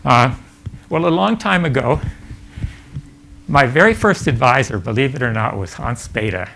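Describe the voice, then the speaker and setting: An older man giving a physics lecture at a summer school, halting and full of fillers and restarts. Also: mid-range voice, lively intonation, vocal fry, a bit bright, a little hiss or hum. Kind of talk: academic lecture. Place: lecture hall.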